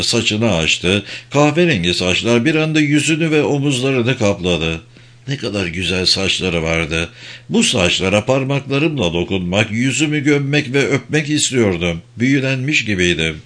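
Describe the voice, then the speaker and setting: Reading a novel aloud for an audiobook, a man with a medium-pitched voice tells the story in a measured yet expressive manner.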